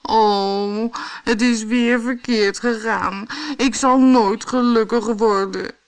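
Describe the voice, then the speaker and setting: A woman's voice: lowish voice, a little slow, close to an everyday voice. A woman voicing a sad little man in a storybook, plaintive and sniffling. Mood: mournful. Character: sad little man, always gloomy and weepy. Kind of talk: audiobook character voice.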